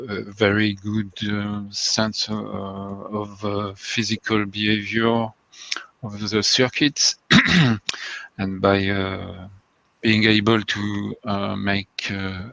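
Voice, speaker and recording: A man's voice: fairly low pitch, vocal fry, bright, forceful tone, dry recording. A man on a thesis jury making formal remarks and asking questions, hesitant and often correcting himself as he searches for words. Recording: dull, dry video-call audio.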